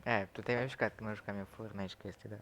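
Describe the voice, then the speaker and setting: Man yelling game callouts, loud game sounds. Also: fairly low pitch, fairly even intonation, crowd noise. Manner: loose, swearing, shouting quick game callouts. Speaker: livestreaming gamer. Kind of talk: casual chat while gaming.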